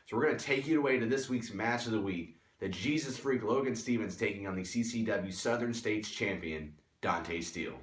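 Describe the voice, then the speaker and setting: A man hosting a wrestling show, introducing segments in an emphatic, measured presenter style. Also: lowish voice. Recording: echoey room.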